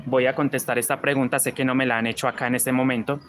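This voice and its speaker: A man's voice: medium pitch, level tone, quick pace, a bit bright, slight background noise. A man with a Colombian paisa accent teaching crochet on a live stream, chatting and reading viewer comments as he works.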